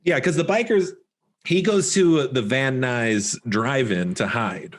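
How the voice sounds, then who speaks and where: A man co-hosting a podcast, casually recapping a horror film, animated and laughing often as he acts out the characters' lines. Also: medium pitch, slow pace. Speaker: podcast co-host. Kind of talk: casual movie-recap chat.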